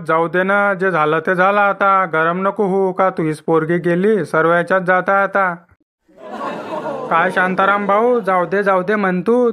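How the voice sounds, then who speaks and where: An actor voicing a grumbling middle-aged village farmer in a cartoon comedy, speaking in rustic, scolding banter. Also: male voice, sits high, a bit bright.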